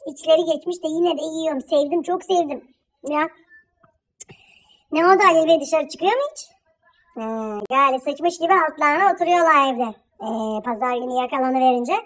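Performer doing a super high-pitched nagging village teyze on the phone, gossipy and quarrelsome, comedy sketch. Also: bright, forceful tone. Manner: scolding, quarrelsome, rapid gossiping. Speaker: comic character. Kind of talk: one-sided phone call comedy sketch.

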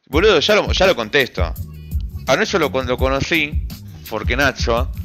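A man's voice: mid-range voice, very animated, normal speed, fairly bright tone. A young man with an Argentine accent, a streamer chatting casually with his chat, slangy and rambling, swearing often. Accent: Argentine Spanish. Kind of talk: casual chat reading a live chat. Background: background music.

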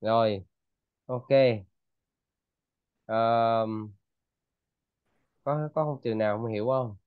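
Male tutor with a Vietnamese accent, patient and deliberate, slow delivery, dull lo-fi sound. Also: mid-range voice, clear, resonant tone, dry recording. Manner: patient, repeats words slowly for the student. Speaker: English teacher. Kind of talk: one-on-one English tutoring.

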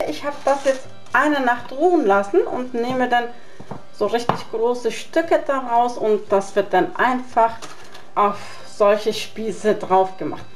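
With music in the background, a cooking channel host in her thirties, who has a Turkish accent, talks through each step of a home cooking vlog shot in her kitchen and at a garden barbecue. She speaks slowly in a fairly high voice.

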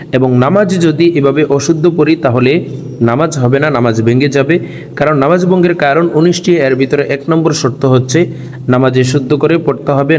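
A man teaching a recitation lesson, explaining pronunciation slowly word by word and drawing out chanted verses. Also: medium pitch, a little mellow, long reverb tail. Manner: slow, drawn-out chanting of verses between spoken explanations.

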